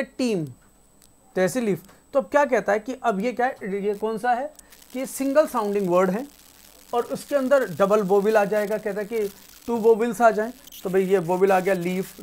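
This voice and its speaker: A woman teaching spelling rules in a casual classroom style. She reads each rule out slowly and repeats the example words. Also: mid-range voice, a little mellow. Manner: casual, conversational teaching with frequent checks like "theek hai". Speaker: English teacher.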